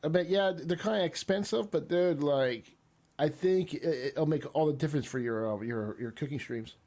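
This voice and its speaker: Gravelly, husky man in casual chat. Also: a little high, normal speed, darkish tone. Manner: easygoing, rambling with fillers. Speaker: streamer hosting a chat.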